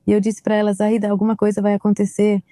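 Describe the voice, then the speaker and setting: A woman's voice: mid-range voice, completely flat delivery, fast talker, mellow, dry recording, studio quality. A middle-aged woman, a grieving mother, giving personal testimony and recounting past events while quoting past conversations. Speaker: mother of a victim.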